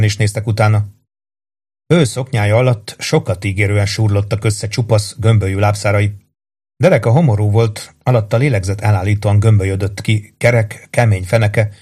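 A man narrating a novel in a steady, even storytelling voice. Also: fairly low pitch. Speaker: audiobook narrator.

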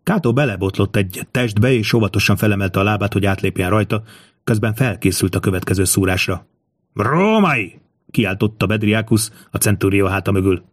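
A man reading an audiobook in a steady, measured storytelling voice. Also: fairly low pitch, no room sound. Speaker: audiobook narrator. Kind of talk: scripted audiobook narration.

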